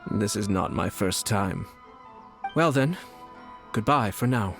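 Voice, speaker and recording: An actor playing a calm, scheming young noble strategist who speaks in a smooth, measured way. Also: male voice, fairly low pitch. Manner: smooth, measured, quietly calculating. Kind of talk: game cutscene voice acting. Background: soft game music.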